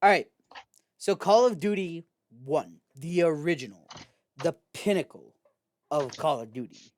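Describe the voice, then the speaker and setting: A man's voice: a little high, expressive, unhurried. A man hosting a casual gaming chat, talking in a loose, rambling way full of restarts. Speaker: host.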